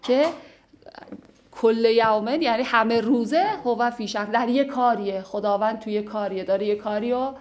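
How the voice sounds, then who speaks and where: A woman teaching a class, explaining classical poetry line by line with patient, lightly humorous commentary and slow recitation of verses. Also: on the high side, darkish tone. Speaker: literature teacher.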